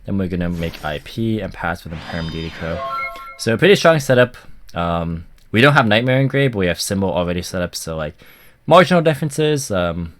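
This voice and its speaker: A man's voice: low-pitched, animated, a little fast. A man with a stuffy voice from a cold, casually commenting on a card game match and rambling with many ums and likes. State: stuffy, recovering from a cough.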